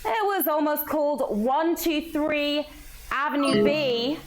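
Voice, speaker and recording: A woman hosting a live trivia game show, energetic and playful, with a sing-song delivery. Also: sits high, slow. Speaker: quiz show host. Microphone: played through a phone app. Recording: background music from the app.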